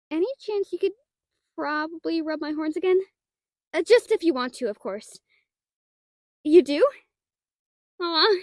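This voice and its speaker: In an intimate audio roleplay, a woman voices a shy, nerdy young half-dragon librarian who stammers, hesitates, uses bookish wording, and flusters easily, yet sounds eager and affectionate. Her voice sits high, recorded clean in a studio with no room sound.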